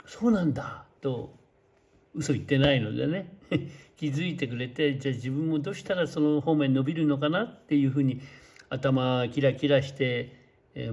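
Gravelly older man teaching singers. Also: medium pitch, a little mellow. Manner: rambling, explanatory, models German words aloud. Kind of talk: casual spoken lesson. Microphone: studio mic with pop filter.

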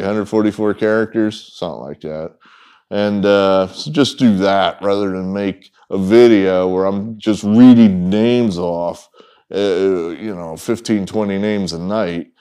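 A middle-aged man speaks low, smooth and a little mellow while hosting a sports betting picks video indoors, in front of a whiteboard against wood-paneled walls. He rambles off the cuff to the camera in a folksy manner, full of ums and asides that trail away.

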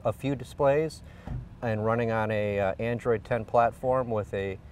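A man's voice: fairly low pitch, steady tone, unhurried, a little mellow, recorded from a distance, a little hiss or hum. Middle-aged man explaining tech outdoors. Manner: explanatory, with frequent fillers. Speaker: engineering executive. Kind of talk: on-camera interview. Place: outdoors beside a car. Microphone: lapel.

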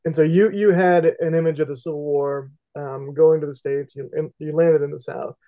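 A man's voice: on the high side, fairly even intonation, normal speed. A middle-aged man from Indiana co-hosting a podcast, asking questions in a rambling, hesitant way with many fillers, over a headset on a video call. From West Central Indiana. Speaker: podcast co-host. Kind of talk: casual interview. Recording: dull lo-fi call audio.

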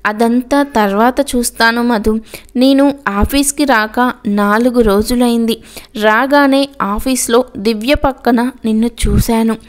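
Storybook: woman reading as young man, regretful, pleading, soft and clear. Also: fairly high pitch, unhurried, natural voice. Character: young man, earnest regretful former lover.

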